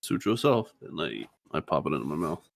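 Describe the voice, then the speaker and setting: A man's voice: rumbling low, fast, creaky, fairly bright tone, no room sound. A man playing a tabletop role-playing game who speaks in character and laughs often.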